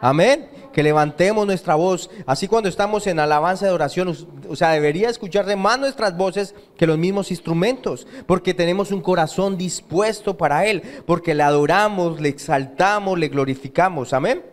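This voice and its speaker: Male pastor, high-pitched tenor, emphatic sermon with call-and-response questions. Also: moderate pace, few pauses. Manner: quizzes the congregation with fill-in questions; emphatic, repeats key phrases. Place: church sanctuary.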